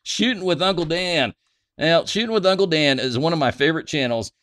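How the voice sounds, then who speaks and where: A man's voice: on the high side, a little fast, a bit bright, dry recording. A man hosting a gun channel vlog, reading viewer comments aloud in a joking, crude, self-mocking way.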